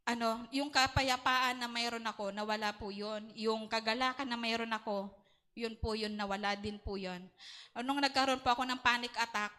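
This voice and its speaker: A woman's voice: a little high, bright, forceful tone. A woman with a Filipino accent giving an earnest prayer and testimony at a church prayer meeting, mixing Tagalog and English.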